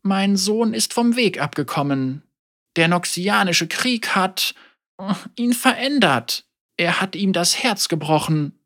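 A storybook reader voicing an elderly woman, a teacher and mother, wry, calm and gently teasing. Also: medium pitch, slow, pitched above the performer's own voice.

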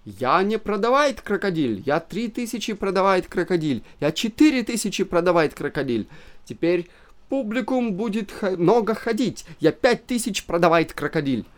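A greedy German showman with a shrill, heavily accented voice and mangled grammar, as a male reader puts him on. He swings his pitch up and down as he haggles over his crocodile and keeps raising the price. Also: big pitch swings, normal speed. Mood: greedy, insistent. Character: greedy German male menagerie owner, broken Russian.

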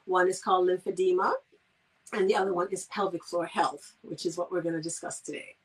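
A woman's voice: lowish voice, steady tone, fairly quick. Interview guest: woman with a Kittitian accent, conversational, recorded at some distance from the mic. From Saint Kitts, Caribbean. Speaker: guest, physical therapist. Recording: distant from the microphone.

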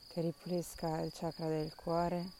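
A woman guides a meditation softly and soothingly, leaving long pauses. Her tone is mellow and stays very level, with little melodic movement. Faint outdoor ambience with crickets sits behind her voice. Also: low voice, a little hiss or hum. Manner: soft, calm, soothing instruction with long pauses.

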